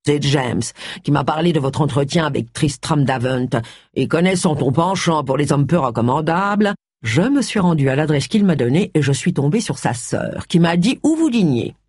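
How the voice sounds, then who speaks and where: Livre audio : lecteur donnant voix à un ami moqueur mais bienveillant, son sec et proche. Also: male voice, a little high, lively intonation, moderate pace, darkish tone, breathy edge, dry recording, clean studio sound. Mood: taquin. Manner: teasing, reassuring. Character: man, an affectionate teasing friend. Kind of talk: audiobook character voice.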